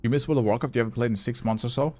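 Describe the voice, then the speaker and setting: A man's voice: medium pitch, very fast, mellow. A man streaming a game live, thinking aloud as he plays and chatting casually with viewers, sometimes swearing. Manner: chatty, answers viewer chat while playing. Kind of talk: casual live gameplay commentary.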